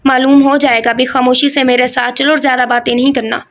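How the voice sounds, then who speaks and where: A woman's voice: sits high, little pitch movement, fairly bright tone. A woman voicing a strict, exasperated middle-aged mother who gives orders in an audio novel. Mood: stern. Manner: bossy, exasperated.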